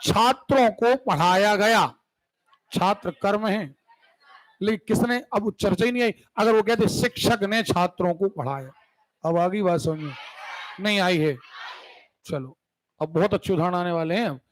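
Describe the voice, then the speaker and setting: High-voiced Hindi grammar teacher quizzing students. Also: male voice, unhurried, long pauses, rough recording. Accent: Madhya Pradesh Hindi. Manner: asks students frequent check questions; casual, joking teacher's banter. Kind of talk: exam-prep grammar lesson.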